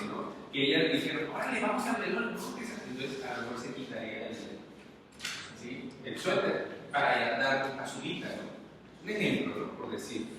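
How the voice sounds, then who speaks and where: Mexican man lecturing in an echoey hall. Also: mid-range voice. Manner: conversational, asks the audience questions constantly. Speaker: conference speaker. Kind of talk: motivational lecture to an audience. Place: large conference hall. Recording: very echoey hall, distant, faint noise.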